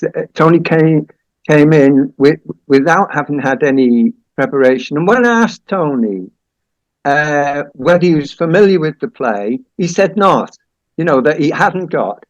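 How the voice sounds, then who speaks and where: A man hosts an informal group discussion, speaking slowly and haltingly, often repeating words. His voice is slightly high for a man, and the sound is dry and dull. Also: no echo. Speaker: host of a play-reading group. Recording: dull, lo-fi close recording.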